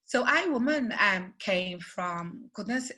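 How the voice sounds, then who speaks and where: Scouse woman guest, bright ringing voice, animated storyteller who laughs a lot, video-call audio. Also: medium pitch, slow pace. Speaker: guest journalist and presenter. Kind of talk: video-call webinar interview.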